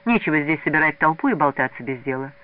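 A man's voice: fairly high pitch, animated, fast, clear, resonant tone, close to an everyday voice. A man reading aloud, voicing a stern woman teacher who speaks curtly and sharply in a raised voice. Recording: narrow lo-fi radio recording.

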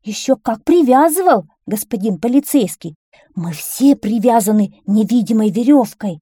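A woman voicing a crowd of whining townsfolk who wail and plead in high voices. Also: lively intonation, normal speed, warm tone, slightly rough, dry recording, studio quality. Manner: high, wailing pleas.

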